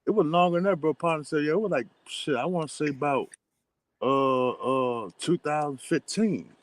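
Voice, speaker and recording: Animated man chatting as a guest. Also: on the high side, moderate pace. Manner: animated, repeats filler phrases, stutters at times. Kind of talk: casual conversation.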